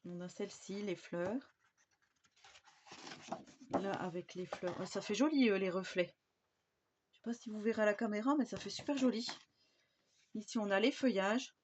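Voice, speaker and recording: A woman's voice: medium pitch, moderate pace, long pauses. A woman from France in a casual scrapbooking haul video, chatting her way through craft paper pads with lots of fillers and restarts. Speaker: scrapbooking YouTuber. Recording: slightly dull home recording with faint background noise.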